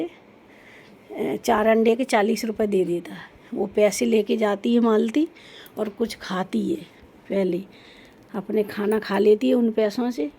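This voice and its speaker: A woman's voice: medium pitch, vocal fry, warm tone, breathy edge. A woman retelling a folk story in a loose, informal way, with frequent restarts.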